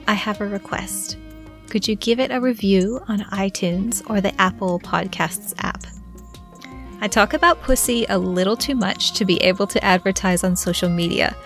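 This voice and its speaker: Gentle, measured woman podcast host. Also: mid-range voice. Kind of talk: podcast introduction and interview.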